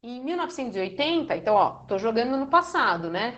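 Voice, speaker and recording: A woman's voice: on the high side, very animated, fast, a bit bright, lo-fi sound, slight background noise. A young Brazilian woman, a Portuguese teacher, explains grammar to teenagers in a casual, affectionate way, tagging her sentences with "né?". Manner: chatty, affectionate, many "né?" and "então". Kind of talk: casual recorded lesson for teenagers.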